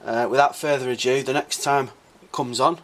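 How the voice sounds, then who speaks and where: A man with a croaky voice, casually explaining a car modification for his vlog, thinking aloud with plenty of uhs and ums. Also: mid-range voice, steady tone, a little fast, a bit bright. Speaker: car modding vlogger.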